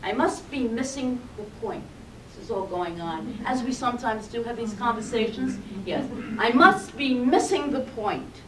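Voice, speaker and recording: A woman minister giving a sermon, telling a story in a gently reflective way. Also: a little high, animated, moderate pace. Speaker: reverend. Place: spiritual center hall. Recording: echoey room, distant mic, faint noise.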